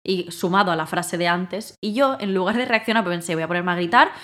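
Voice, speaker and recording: A woman telling a story in casual conversation, acting out her own lines with bursts of loudness. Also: on the low side, brisk. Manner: animated, acts out her own quotes loudly. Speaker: guest.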